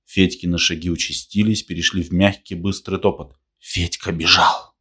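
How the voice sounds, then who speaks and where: A man reads a novel aloud in a measured, even storytelling voice. His tone sits very low and deep throughout. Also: breathy edge. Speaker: narrator. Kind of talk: audiobook reading.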